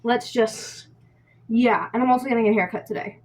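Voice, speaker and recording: A woman's voice: on the high side, moderate pace. A young woman vlogging in a casual, rambling storytelling style, spacey and scattered, as she talks while washing dishes. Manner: spacey, scattered, self-interrupting. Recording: noisy room with dish-washing sounds. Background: scuffling and clatter of dishes.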